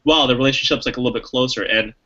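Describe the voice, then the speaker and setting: A man's voice: medium pitch, fairly even intonation, rapid-fire, bright, forceful tone, lo-fi sound. A man co-hosting a podcast, chatting casually and enthusiastically about a movie, rambling with lots of fillers. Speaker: podcast co-host. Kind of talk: casual movie review chat.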